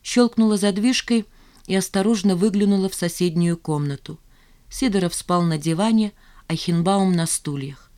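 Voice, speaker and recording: An audiobook reader narrating a novel in a steady storytelling voice. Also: mid-range voice, normal speed, clean tone.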